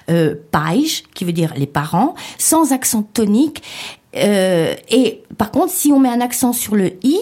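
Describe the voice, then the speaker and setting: A woman co-hosting a French-language lesson, explaining pronunciation step by step and spelling letters out slowly. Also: on the high side, mellow, breathy edge. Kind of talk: scripted lesson dialogue.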